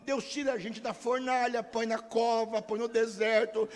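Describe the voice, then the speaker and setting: A Brazilian man preaching a sermon as pastor, animated and humorous, acting out the prayers of churchgoers. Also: extremely high pitch, normal speed. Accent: Brazilian Portuguese. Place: church hall. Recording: long church-hall reverb.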